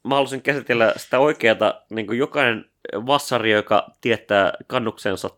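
A man's voice: mid-range voice, a bit bright. Hesitant, swearing podcast man. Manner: swearing, hesitant with many fillers. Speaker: podcast co-host. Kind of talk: casual chat.

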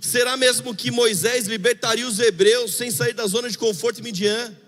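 A man preaching as a pastor, speaking in a chatty, confessional way, dropping to quiet murmurs and rising into fervent bursts. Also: very high voice, steady tone, moderate pace, faint music behind. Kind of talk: sermon. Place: church hall. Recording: long hall reverb.

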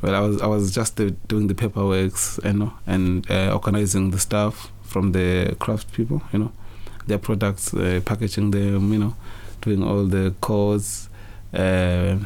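A young man from Zimbabwe answering interview questions in a relaxed, hesitant way, with many fillers and restarts. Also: fairly low pitch, unhurried, gravelly, hardly any pauses. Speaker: interview guest, business founder.

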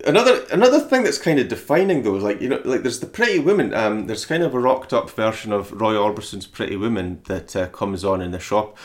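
A man with a fairly low voice, co-hosting a casual, rambling chat about films. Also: animated, brisk, hardly any pauses. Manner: rambling, chatty, swears casually. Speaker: podcast co-host.

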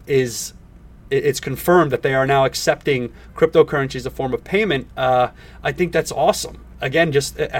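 A man hosting a casual podcast with enthusiastic crypto-bro talk, halting and repeating himself with plenty of filler words. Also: fairly high pitch, recorded from a distance. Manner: halting, repetitive, filler-heavy delivery. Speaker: podcast host.

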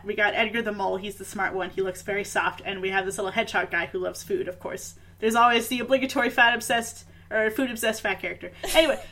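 Woman, casual movie chat, animated, swears freely, slips into character voices, sharp bright tone. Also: medium pitch, rough recording. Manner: animated, swearing, acts out characters in quick bursts.

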